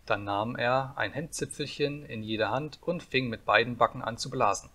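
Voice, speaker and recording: A man reading a fairy tale aloud as an audiobook narrator, calm and measured. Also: mid-range voice.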